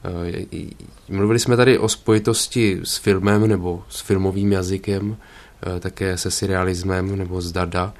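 Deep, flat-voiced radio presenter man. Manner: hesitant, many fillers. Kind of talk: cultural radio discussion.

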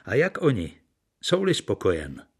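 A man's voice: fairly low pitch, wildly swooping pitch, breathy edge, heavily acted. A man reading the part of a bitter, worn-out actor, brooding and earnest, in an audiobook. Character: bitter, worn-out middle-aged male stage actor.

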